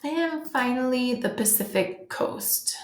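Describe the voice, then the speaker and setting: An American woman gives a friendly, informal webinar to travel agents, her high, animated voice moving at a slow pace. She says "um" a lot and restarts often, and the recording has a roomy echo.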